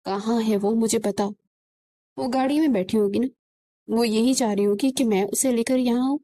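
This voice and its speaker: A woman's voice: fairly high pitch, steady tone, dark tone, no room sound, close to an everyday voice. A woman voicing a distraught young man whose fiancée has fled, pleading and frantic.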